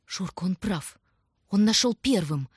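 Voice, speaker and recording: A woman voicing a gentle, frightened young girl who pleads softly, in a storybook reading. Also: medium pitch, expressive, measured pace, slightly rough, no echo, studio quality. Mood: pleading. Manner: pleading, soft.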